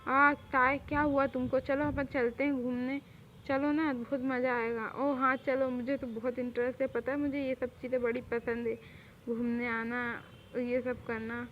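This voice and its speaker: A young woman voicing all the roles of a fan drama in a lively, chatty way. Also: high voice, moderate pace, a little hiss or hum. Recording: dull lo-fi recording.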